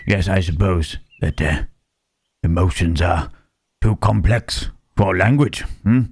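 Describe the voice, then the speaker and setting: A man voicing a gentle, melancholy, lonely monster in a halting, pensive ASMR roleplay, with formal wording and a husky, low voice. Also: dry recording, exaggerated voice. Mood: pensive, sorrowful.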